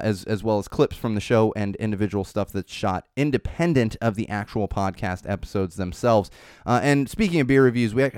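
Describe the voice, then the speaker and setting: Still congested from a cold, this man hosts his own podcast solo from a small studio, talking in a loose, rambling, chatty way and plugging himself along the way. The studio mic catches a medium-pitched, slightly mellow voice that is clear and resonant, with no echo.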